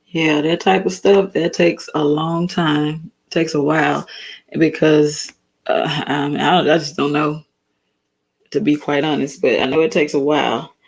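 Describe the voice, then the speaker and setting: A woman's voice: low-pitched, fairly even intonation, measured pace, vocal fry, breathy edge. A tired woman with a slightly worn voice hosts a casual solo talk. She speaks earnestly, halts and restarts, and reads definitions aloud. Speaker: talk stream host.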